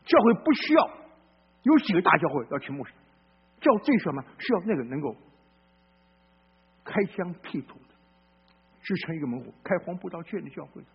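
A male pastor preaching a sermon in a blunt, folksy way, swinging between loud outbursts and low murmurs and asking listeners questions. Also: expressive, a little fast, gravelly, long pauses, breathy edge, highs cut off.

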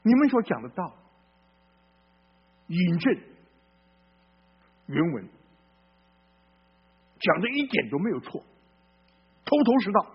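A male pastor preaching a sermon in a blunt, folksy way, swinging between loud outbursts and low murmurs and asking listeners questions. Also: very animated, slow pace, long pauses, breathy edge, lo-fi sound.

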